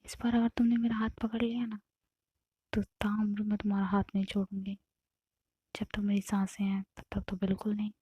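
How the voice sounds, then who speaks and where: A devoted young woman in a spoken love story, coaxing and tender as she keeps pressing her beloved, as a woman narrator puts her on. The voice sits warm and mellow, a little husky, close and dry. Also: medium pitch, monotone, a little fast, dry recording, natural voice.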